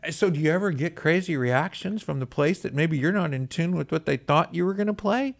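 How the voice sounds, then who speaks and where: Texan guy hosting a chatty interview, gravelly fry in his voice, rambles. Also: a little high, a little fast. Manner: rambling, chuckling, acts out anecdotes. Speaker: radio show host. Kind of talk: casual interview chat.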